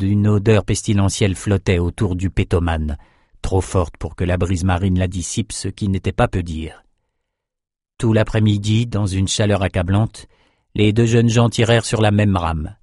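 A man narrating an audiobook in a measured, even way. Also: fairly low pitch, no room sound, clean studio sound. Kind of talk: scripted narration.

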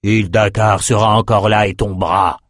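A man's voice: lowish voice, steady tone, moderate pace, no echo, studio quality, close to an everyday voice. A man voicing a stern, feared male warlord king who speaks in a commanding, solemn way in an audiobook.

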